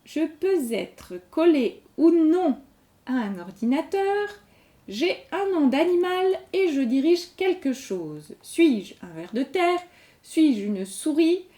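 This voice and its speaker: Warm in tone and high in pitch, the quiz host's voice swings widely as she speaks slowly. Each general-knowledge question is read out twice, slowly and clearly, followed by a patient explanation of the answer.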